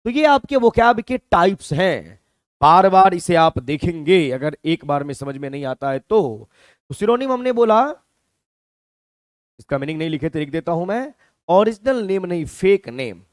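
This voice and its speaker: A male teacher with a Hindi accent, explaining words one step at a time and stopping often to ask whether the class has it. His voice sits high and swings widely in pitch. The sound is close and dry. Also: big pitch swings, normal speed, dry recording. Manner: explains step by step, checks with "clear?". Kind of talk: classroom lecture.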